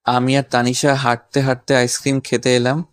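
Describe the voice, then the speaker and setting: A man narrating a romantic audio story in the first person, with plain, even storytelling and casual banter. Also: mid-range voice, normal speed, smooth. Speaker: narrator and lead voice actor.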